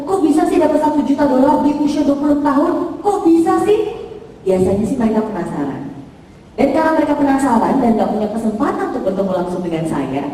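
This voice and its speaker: A woman in her thirties from Indonesia, giving a motivational seminar talk and asking the audience lively questions. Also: on the high side, slight background noise. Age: 30s. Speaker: motivational speaker. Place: hotel function room. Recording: echoey hall from far off.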